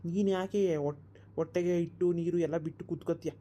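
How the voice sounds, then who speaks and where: A woman voicing a calm middle-aged village husband in a cartoon, gently coaxing his wife to eat. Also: on the low side, fairly quick, slight background noise, natural voice. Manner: soothing, coaxing. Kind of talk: cartoon voice acting.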